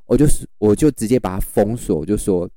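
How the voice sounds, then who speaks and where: A man who sells over livestream tells stories in a casual chat, acting out his customers with animated flair. His pitch is fairly low and his pace brisk, captured in a dry, studio-quality recording.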